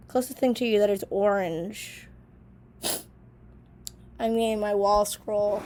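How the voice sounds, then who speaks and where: A young woman talks casually to her camera in her bedroom, her voice stuffy from being sick. She reads out old questions and answers with an easy, filler-heavy chattiness. Her tone has a gravelly fry, her pitch sits mid-range, and a faint hiss runs underneath. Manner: chatty, reads each question then comments offhand with many fillers. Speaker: vlogger. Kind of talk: casual vlog, reading old journal answers aloud. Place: small bedroom in an apartment.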